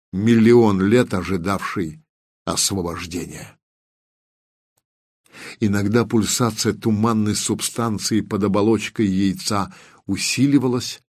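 A man narrating a science-fiction audiobook in a measured way, slowing down on descriptive details. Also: fairly low pitch, darkish tone, dry recording, clean studio sound.

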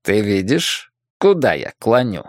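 A man's voice: on the low side, very animated, measured pace, no room sound, studio quality. A man voicing a domineering, scheming middle-aged male town boss in an audiobook. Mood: menacing. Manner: domineering and mocking.

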